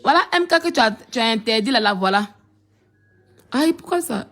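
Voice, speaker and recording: Casting note: high-pitched woman, live-stream commentator, teasing and repetitive. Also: expressive, normal speed, fairly bright tone. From Ivory Coast. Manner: mocking, repetitive, laughing. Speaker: social media commentator.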